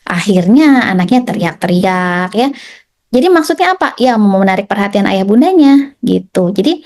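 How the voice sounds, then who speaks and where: A woman's voice: medium pitch, expressive, normal speed, a little mellow. A woman pediatrician giving an informal health talk to parents, chatty, often tagging her sentences and acting out little quotes. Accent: Indonesian. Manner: chatty, repeats tag "ya" and "gitu", acts out quotes.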